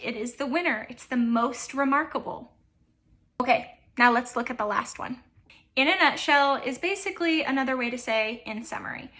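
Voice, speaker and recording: A woman's voice: on the high side, a bit bright. A young woman, teaching idioms as a coach in an upbeat, playful way. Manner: upbeat, playful, with light laughs. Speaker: American accent coach.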